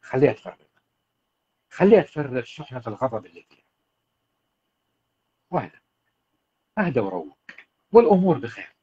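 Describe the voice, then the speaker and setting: A man's voice: mid-range voice, very animated, fairly quick, long pauses, warm tone, slightly rough, muffled recording. A man, a marriage coach giving earnest advice to husbands on a livestream. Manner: earnest, exhorting, addresses husbands directly. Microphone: livestream setup.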